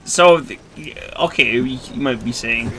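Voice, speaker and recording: Casting: male let's-play host, rambling and self-deprecating, bright tone with vocal fry. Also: mid-range voice, a little slow. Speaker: gamer, video host. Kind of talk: casual let's-play commentary.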